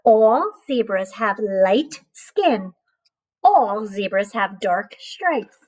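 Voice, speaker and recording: Taking the part of a teacher for young children, a woman with a mid-range voice reads a picture book aloud, animated and encouraging, often asking questions and pausing to hear answers. The audio quality is poor.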